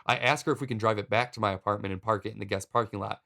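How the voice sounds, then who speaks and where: A man hosting a podcast, narrating a personal story in a wry, deadpan comic way. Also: lowish voice, very fast, creaky. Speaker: podcast host.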